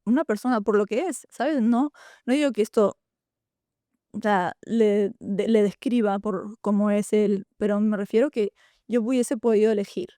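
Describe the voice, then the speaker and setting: Young woman, halting, confiding, dry close sound. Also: mid-range voice, warm tone, no echo. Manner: halting and confiding, many restarts and "¿sabes?". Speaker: podcast host. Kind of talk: personal storytelling in a podcast conversation.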